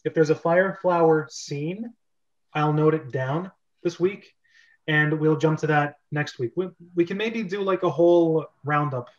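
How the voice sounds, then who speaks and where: Unhurried and on the high side, this man hosts a relaxed online script reading club, chatting about scripts in a loose, rambling way over a livestream. The audio has a dull, lo-fi stream quality.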